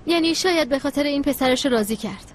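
A woman's voice: sits high, animated, a little hiss or hum. A woman dubbing a caring but exasperated young woman in a TV drama, pleading and scolding. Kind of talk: dubbed TV drama.

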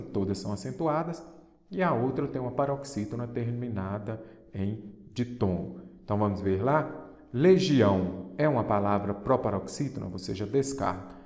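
Brazilian teacher, low voice, echoey room. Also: male voice, darkish tone. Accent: Brazilian Portuguese. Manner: explains step by step, asks and answers his own questions. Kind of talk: exam-prep lesson.

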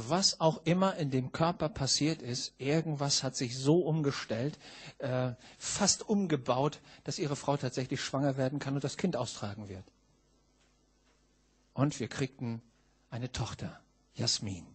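Male preacher, middle-aged, slightly higher voice, emphatic sermon delivery, hushed to shouting. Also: slightly rough. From Schleswig-Holstein, northern Germany. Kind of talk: sermon storytelling.

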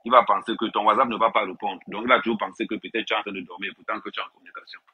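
Ranting at viewers during a live stream, this man talks very fast in a lowish, steady, slightly rough voice, repeating himself and addressing them head-on. He is filmed indoors on a tablet, and the sound is lo-fi.

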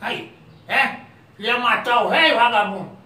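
A man playing a feisty old man who calls himself king, yelling insults and threats in a comedic sketch. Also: very high-pitched, a little slow, reverberant, distant mic, exaggerated voice. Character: feisty old man, self-styled king, scolding a virus.

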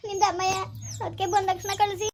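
; a woman plays a pleading young sister, rapid speech, amateur village drama. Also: extremely high pitch, little pitch movement, slight background noise. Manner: pleading, anxious.

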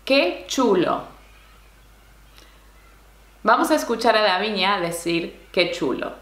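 A woman's voice: mid-range voice, expressive, fairly bright tone, reverberant. A woman teaching Spanish slang, explaining patiently and checking in with little questions. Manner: explains slowly, keeps asking "¿no?" and "¿sí?". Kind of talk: language lesson explaining slang.

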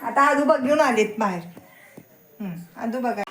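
Chatty higher-pitched woman vlogging at home. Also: expressive, a little slow, noisy background. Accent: rural Marathi, Satara region. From Maharashtra, India. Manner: chatty, addresses viewers directly, teasing her daughters. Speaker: family vlogger and mother. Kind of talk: casual home vlog narration. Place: home with rain outside.

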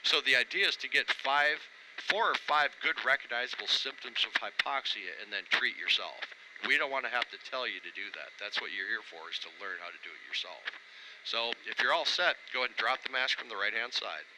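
Male chamber instructor, medium pitch, briefing and coaching trainees through noticeable noise. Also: a little fast. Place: small altitude chamber. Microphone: intercom. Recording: clear steady background noise.

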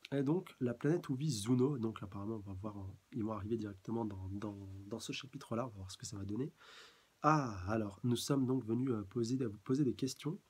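Guy doing a casual manga review, kinda husky, lots of euh and restarts. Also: on the low side, a little fast, a little mellow. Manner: hesitant, many fillers and restarts, chuckles often. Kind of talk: casual live chapter review.

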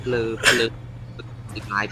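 A man's voice: medium pitch, level tone, a little slow, pushed and bright. A man making short, clipped callouts to a teammate during a mobile game. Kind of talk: casual gaming chat.

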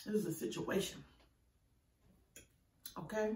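A woman's voice: mid-range voice, takes it slowly, a little mellow. Woman chatting with mouth full, roomy echo. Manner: talking while eating, mouth sometimes full. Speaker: vlogger. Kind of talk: casual chit-chat storytelling during an eating show. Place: indoor room, green-screen backdrop. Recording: roomy echo, distant microphone.

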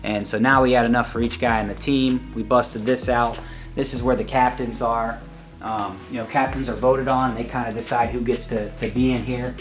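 A man's voice: medium pitch, fairly even intonation, faint music behind. A man, a college wrestling coach, giving a casual tour of his facility and filling his talk with "you know" and "um". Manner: rambling, fills every pause with "you know" and "um".

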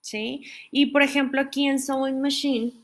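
A woman's voice: sits high, flat delivery, normal speed. Woman, patient explanatory teacher, keeps checking in with the class. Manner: explanatory, checks in with listeners often. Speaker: English teacher. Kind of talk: online pronunciation lesson.

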